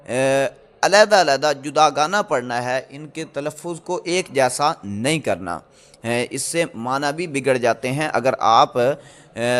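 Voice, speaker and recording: A man teaching tajweed in a recorded lecture, explaining slowly with many pauses and fillers and sounding out letters again and again. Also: medium pitch, fairly bright tone. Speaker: Quran recitation teacher.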